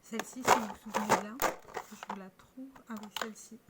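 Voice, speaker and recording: A woman's voice: mid-range voice, steady tone, brisk, very noisy. A French-speaking woman talking casually to camera about her makeup, chatty and showing each product with small restarts. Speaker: beauty vlogger.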